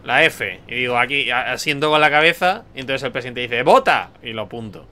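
Bright-voiced gaming streamer. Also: male voice, medium pitch, brisk. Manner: chatty, thinks aloud, jokes with chat. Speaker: gameplay streamer. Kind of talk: casual gameplay commentary.

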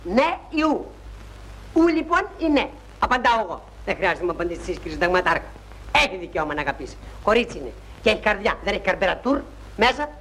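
An actor playing a naive young soldier in a 1960s film comedy, rambling and apologizing, with pompous turns of phrase. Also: male voice, sits high, very animated, sharp tone, slightly rough, full character voice. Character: naive, talkative young soldier, pleading and indignant. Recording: noisy old film soundtrack.

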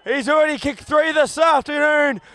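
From a commentary box at an outdoor ground, a man calls a football match live in an extremely high voice at normal speed. He fires off players' names and actions in clipped bursts and shouts at the big moments.

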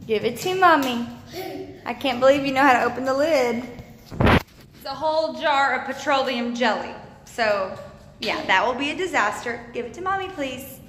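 A woman's voice: high-pitched, expressive, normal speed. A young woman, a mother chatting casually and coaxing her small child at home, recorded on a phone. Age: young adult. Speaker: mother vlogging with her toddler. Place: indoors at home, living room and laundry area. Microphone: phone at arm's length. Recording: echoey room with clear background noise.

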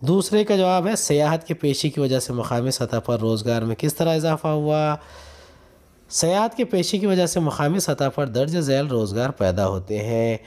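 His voice sits a little high, expressive and slightly mellow, at a normal speed. This school teacher reads textbook questions and answers point by point, announcing numbered points in an instructional manner.

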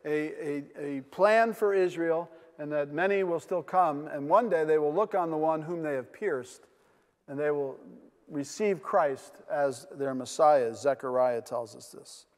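A man's voice: a little high, unhurried. An older man with a New England accent preaching a sermon from a pulpit in a large wood-paneled church, earnest, with rhetorical questions and frequent fillers. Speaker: pastor. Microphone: pulpit mic. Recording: long church reverb.

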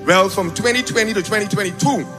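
A man raised in the Bahamas giving a spoken testimony on a large auditorium stage into a handheld mic, animated and breaking into shouts when excited. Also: sits high, quick pace, music in the background. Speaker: testimony speaker at a church event. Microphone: handheld mic held by another man.

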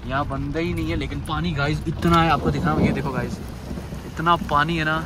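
A young man filming a casual family travel vlog on a handheld phone, excitedly talking to viewers outdoors and from a car in heavy rain. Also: on the high side, brisk, very noisy. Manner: excitable, keeps addressing viewers as guys. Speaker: vlogger.

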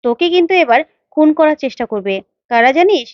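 A woman's voice: high-pitched, expressive, fast talker, dry recording, muffled recording. A woman doing bossy, threatening young heroine. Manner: scolding, blunt and mocking.

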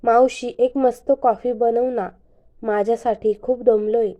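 Woman narrator voicing a calm, teasing young man. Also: a little high, a little slow, dull audio, close to an everyday voice.

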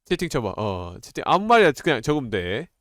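A man chatting casually with viewers on a livestream, talking in a blunt, excitable, informal way. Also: medium pitch, brisk, no echo, clean studio sound. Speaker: live streamer.

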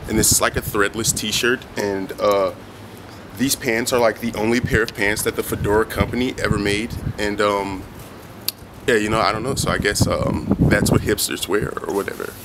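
A laid-back young man with a fairly low voice answers questions on the street. His speech is loose and full of filler words. Traffic noise is clearly audible behind him. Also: fairly even intonation, moderate pace. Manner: laid-back, heavy with "like" and "you know". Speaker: street interviewee. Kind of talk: casual vox pop answers. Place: outdoors by a brick wall in daylight.

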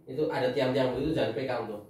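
A man's voice: medium pitch, fairly even intonation, fast, darkish tone. A man talking as a father giving his family advice in casual chat, lecturing and laughing often. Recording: echoey room, mic far off.

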